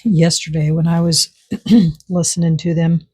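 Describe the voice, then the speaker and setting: A woman's voice: low-pitched, flat delivery, a little slow, dark tone, husky, no room sound. A woman vlogger narrating casually as she works on a resin craft project, chatty and repeating words for emphasis.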